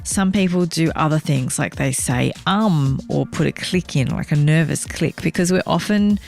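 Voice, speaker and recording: Aussie woman podcast host, low voice with some fry, calm coaching tone, faint music under it. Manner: clear, measured, coaching tone. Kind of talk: solo podcast monologue giving speaking tips.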